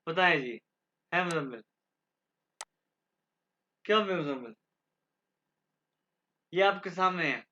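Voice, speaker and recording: A man from Pakistan teaching a German class online, drilling letters slowly and clearly. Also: fairly high pitch, expressive, bright, forceful tone. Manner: slow, drawn-out letter drills. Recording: dull lo-fi call audio.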